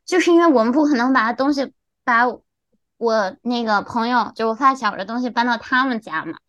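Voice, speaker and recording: A young woman in her twenties co-hosting a podcast, telling a story in an animated, exasperated way. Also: fairly high pitch, brisk, no room sound, lo-fi sound. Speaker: podcast co-host. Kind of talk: casual chat.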